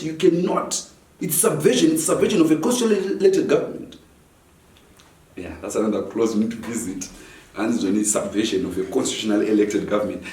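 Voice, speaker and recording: A man's voice: mid-range voice, a little mellow. A man with a Zimbabwean accent hosting satirical news banter in a mock-serious way, switching between two languages. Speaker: comedy show host. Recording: roomy echo, distant microphone.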